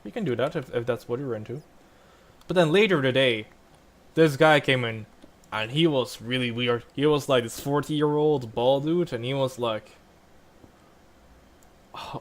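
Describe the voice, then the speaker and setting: A man's voice: medium pitch, moderate pace. A young man casually rambling over gameplay, full of likes and restarts. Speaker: gaming vlogger.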